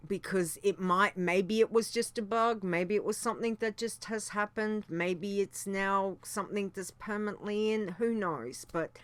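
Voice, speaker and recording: A woman's voice: medium pitch, normal speed, few pauses, clear, resonant tone, no room sound. A woman hosting a podcast in a casual, chatty way, repeating phrases for emphasis. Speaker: podcast host. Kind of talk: casual chat, announcing weekly team results.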